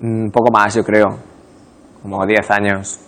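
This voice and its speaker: Animated young man from Murcia. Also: on the low side, a little slow. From Murcia, Spain. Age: 20s. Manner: animated storytelling. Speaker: guest. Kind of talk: casual chat.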